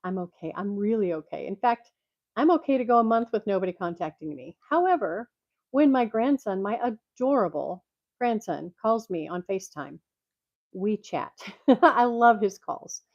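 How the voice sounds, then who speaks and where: Through a microphone on her glasses, an older woman vlogger reads jokes at home in a rambling, laugh-filled casual chat. The recording is dull, lo-fi, tinny and dry, making her sound congested, like she's in a tin can. She speaks at normal speed with a medium pitch and lively intonation.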